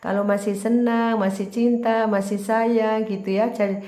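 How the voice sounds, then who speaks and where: Woman doing a tarot reading, kinda high voice, chatty and repetitive, roomy echo. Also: flat delivery, unhurried, warm tone. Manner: chatty, repetitive, addresses the viewer directly. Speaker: tarot reader. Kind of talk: casual general tarot reading monologue.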